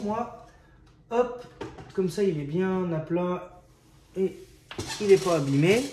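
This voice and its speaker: Slow, hesitant man presenting model kits. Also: high voice, darkish tone, a little hiss or hum. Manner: hesitant, many fillers and restarts, chatty. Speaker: scale model hobbyist presenting kit issues. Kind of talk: casual hobby video narration.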